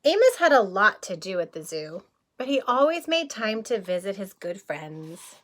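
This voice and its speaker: A woman teacher reading a picture book aloud to young children, expressive, with casual asides and questions to the listeners. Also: medium pitch, moderate pace. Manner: expressive, addresses children with questions and simple explanations.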